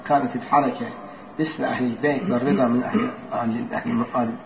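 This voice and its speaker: A man giving a religious lesson, reading old narrations and explaining them line by line in a steady, deliberate way. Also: mid-range voice, creaky, noisy background. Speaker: religious teacher. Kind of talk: hadith lesson. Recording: echoey room, dull lo-fi sound.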